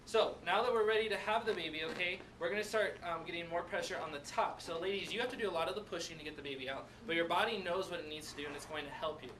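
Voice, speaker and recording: A high-pitched man leads a lively classroom demonstration, constantly checking in with his students. He sounds distant from the microphone, with a noisy room behind him. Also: fast, few pauses. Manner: animated, checks in with "right?" and "okay?". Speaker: teacher.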